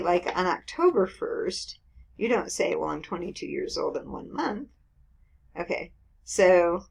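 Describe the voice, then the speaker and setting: This woman in her fifties has a lowish voice with vocal fry. She's teaching math in a casual screen-recorded lecture, explaining through everyday examples and checking in with "okay" and "right."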